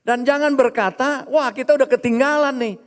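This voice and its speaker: A male pastor preaching a lively sermon in church, acting out the voices of people he quotes. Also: very high voice, moderate pace, long reverb tail. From Indonesia.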